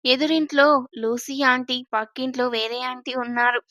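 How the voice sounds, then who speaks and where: A flustered, naive young man from a spoken family storybook, as a woman narrator plays him, answering hastily. The voice is high and bright. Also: steady tone, normal speed, no room sound, clean studio sound.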